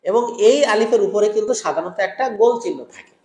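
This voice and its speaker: High-voiced man teaching recitation, echoey room. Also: lively intonation, warm tone. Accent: Bangladeshi Bengali. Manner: slow, drawn-out syllables when modelling recitation; patient, repeats each word several times. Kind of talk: tajweed lesson with call-and-repeat drills.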